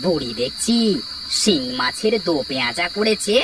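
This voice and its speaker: A woman's voice: lowish voice, lively intonation, moderate pace, background noise, lightly acted. A woman voicing a weary, timid male village thief who talks hesitantly. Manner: tired, hesitant. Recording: background music.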